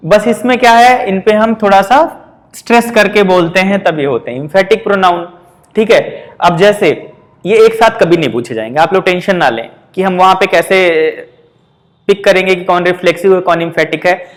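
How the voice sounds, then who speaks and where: A man with a Hindi accent teaching English grammar for exam prep, explaining patiently with frequent checks and slow example sentences. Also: high-pitched, lively intonation.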